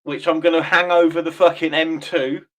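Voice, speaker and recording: A man's voice: on the high side, flat delivery, moderate pace, a bit bright. A man hosting a stream, chatting casually, swearing and laughing often. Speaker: livestream host. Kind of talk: casual chat.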